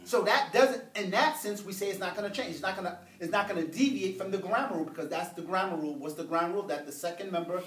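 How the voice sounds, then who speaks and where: A man's voice: high voice, quick pace, few pauses, a bit bright. A man teaching Arabic grammar to a small class, patient and explaining with everyday examples. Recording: echoey room, mic far off.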